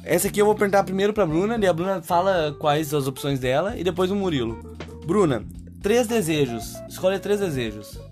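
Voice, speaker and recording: A man's voice: sits high, animated, fairly quick, a little mellow, soft background music. A young Brazilian man hosting a casual podcast, telling a story with teasing energy and playful voices. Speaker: podcast host.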